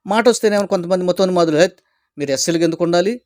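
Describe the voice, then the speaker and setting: Pastor guy ranting commentary, lots of rhetorical questions, highish voice, dry sound. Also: a little mellow, no echo. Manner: rhetorical, argumentative, quick bursts of questions. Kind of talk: opinion commentary to camera.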